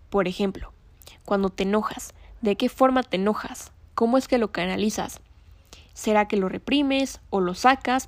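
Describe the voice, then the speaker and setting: Woman, self-help host, gentle conversational, mid pitch, dry close recording. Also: dry recording. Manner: gentle, conversational, asks listener questions. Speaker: podcast host. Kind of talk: reflective self-help talk.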